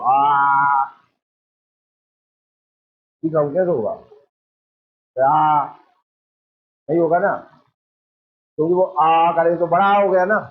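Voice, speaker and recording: A male teacher leads an exam coaching lecture and keeps checking that his class follows with quick questions. His voice sits a little high. The recording is narrow and tinny, like a phone line. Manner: drills the class with repeated questions. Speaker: Hindi teacher.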